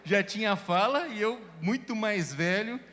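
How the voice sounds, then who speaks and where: A man's voice: sits high, lively intonation, measured pace, fairly bright tone, in a large hall. A man who stutters at times, telling personal stories in a casual panel discussion at a church event. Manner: stammers at times, many fillers; reflective personal storytelling.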